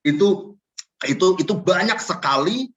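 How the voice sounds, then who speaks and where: A middle-aged man gives a relaxed teaching talk to a prayer fellowship. His voice sits a little high for a man. He tells personal stories in a loose, chatty way, often tacking on small tag phrases. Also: moderate pace, lo-fi sound. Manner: chatty, often adding "gitu ya".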